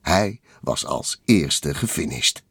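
A man narrating a children's storybook in a lively, expressive way. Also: a bass voice, slow pace, vocal fry, breathy edge, no room sound, studio quality. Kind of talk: storybook read-aloud narration.

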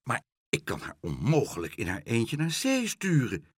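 A man's voice: medium pitch, huge pitch swings, moderate pace, breathy edge, no echo, studio quality. A man voicing a fussy middle-aged woman obsessed with cleanliness, prim and easily shocked. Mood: eager.

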